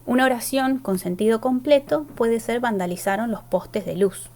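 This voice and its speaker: A woman's voice: fairly high pitch, moderate pace, a little mellow. A woman teaching a grammar lesson, explaining step by step and checking in with her students. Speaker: language teacher.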